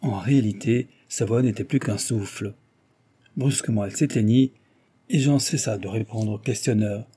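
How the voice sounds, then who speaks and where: A man narrating a novel as an audiobook reader, with steady, even storytelling. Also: on the low side, moderate pace, slightly rough.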